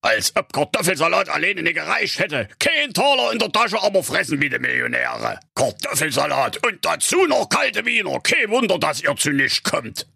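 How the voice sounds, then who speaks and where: A man's voice: very high voice, big pitch swings, unhurried, creaky, hardly any pauses, bright, forceful tone, slightly rough, no echo, pitched above the performer's own voice, heavily acted. A man voicing a grumpy, stingy old junkyard owner who grumbles, snaps and curses. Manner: grumbling, cursing, snappish.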